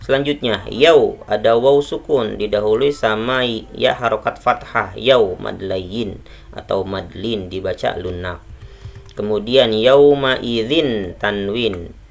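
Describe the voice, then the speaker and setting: Slow gravelly male tajwid teacher. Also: fairly low pitch. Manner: slow, patient explaining, corrects common mistakes. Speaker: Quran recitation teacher. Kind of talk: tajwid lesson with recited examples.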